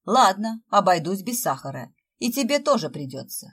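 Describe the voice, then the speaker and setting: A woman's voice: mid-range voice, very animated, moderate pace, slightly rough. A woman voicing a playful man who teases with mock-theatrical lines, in a storybook reading. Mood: teasing. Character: teasing joker man playing Father Frost.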